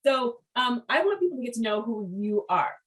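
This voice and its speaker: Animated talkative woman host. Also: fairly high pitch, fairly quick, poor audio. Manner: animated storyteller, acts out quotes. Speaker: podcast host. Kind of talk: casual interview chat.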